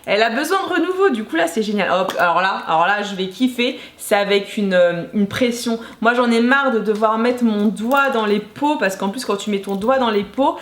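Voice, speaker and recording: A woman's voice: medium pitch, animated, moderate pace, hardly any pauses. A woman in her thirties chatting casually and enthusiastically as she unboxes beauty products, gushing over each one. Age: 30s. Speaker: beauty vlogger. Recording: echoey room, faint noise.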